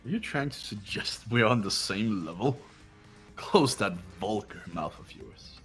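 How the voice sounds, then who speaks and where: Faint music plays behind a man whose lowish, somewhat bright voice is animated yet unhurried. He's portraying a cold, arrogant young heir in a fan-voiced game playthrough, his delivery formal, condescending, and haughty.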